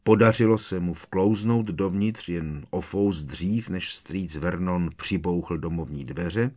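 A man reading a story aloud as narrator, in a measured, dramatic way. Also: low voice. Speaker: audiobook narrator. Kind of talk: scripted narration.

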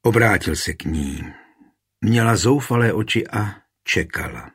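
A man narrating a historical novel as an audiobook in a calm, measured way. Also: lowish voice, breathy edge.

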